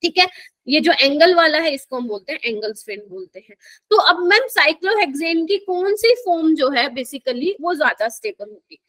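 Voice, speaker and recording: A woman teaching a live chemistry class in Hindi mixed with English, speaking in an Indian accent. She explains patiently and slowly, and keeps checking that the students understand. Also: high-pitched, animated, a bit bright, dry recording.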